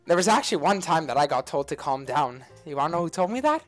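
A woman fakes the voice of a giggling, unhinged male clown villain, pranking strangers in voice chat with shrill cackles and sudden shouts. Her delivery is fast and sing-song, the mood sinister, with faint music in the background.

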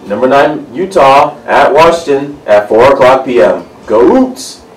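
A man's voice: mid-range voice, expressive, unhurried, recorded from a distance, a little hiss or hum. A playful man presenting on a sports panel and casually giving his picks. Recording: roomy echo, faint music behind.

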